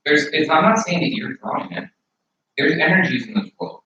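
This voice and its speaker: A man with a high-leaning, expressive voice rambles earnestly and a little fast through a casual argument, often restarting his sentences. He sits well back from the mic in a very echoey room, so the sound is dull and distant with faint noise underneath.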